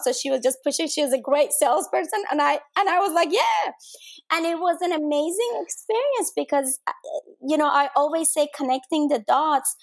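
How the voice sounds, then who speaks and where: Chatty higher-pitched woman guest. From Denmark. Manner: chatty, repeats words while searching for phrasing. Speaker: guest, cake business owner. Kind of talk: casual podcast interview.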